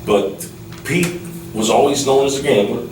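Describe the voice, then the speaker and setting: A man chats casually as an interview guest, halting and often repeating himself. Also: medium pitch. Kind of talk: casual reminiscing interview chat. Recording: roomy, distant mic with clear background noise.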